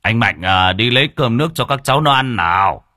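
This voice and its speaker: A man voicing a kindly, calm elderly father who speaks in an unhurried, soothing and gently chiding way. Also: mid-range voice, dry recording, studio quality, pitched above the performer's own voice.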